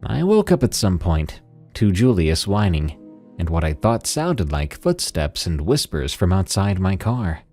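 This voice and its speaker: A man with a low-pitched voice speaks as a paranormal radio host. His scripted delivery is measured and ominous, like someone telling scary stories, with music playing underneath. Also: sing-song, warm tone. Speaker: host of a paranormal story show. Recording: music behind the voice. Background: background music.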